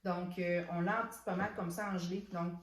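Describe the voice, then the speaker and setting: A woman's voice: lowish voice, steady tone, a little fast. Chatty Québécois woman in an echoey room. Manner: chatty, many restarts and "donc" fillers. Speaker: soap shop owner presenting products. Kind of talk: casual product unboxing chat.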